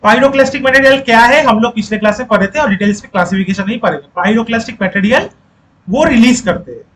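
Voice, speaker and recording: A man's voice: very high voice, brisk, a bit bright, a little hiss or hum, rough recording. A male teacher giving a lecture who repeats key points, quizzes the class and coaxes students to speak up.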